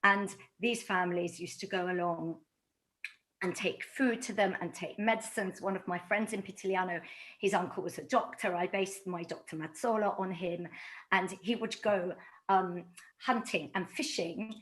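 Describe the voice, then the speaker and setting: A woman's voice: fairly low pitch, moderate pace, slight background noise. A middle-aged woman from London, an author giving a talk to a community audience, telling stories with animation and acting out quoted exchanges. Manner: animated storytelling, acts out quoted dialogue.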